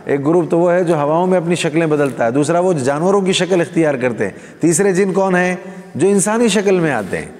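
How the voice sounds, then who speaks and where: His voice a bit high, lively and somewhat mellow, an Islamic preacher speaks directly to a live congregation, asking questions he doesn't expect answered. The gathering hall lends the sound a long reverb.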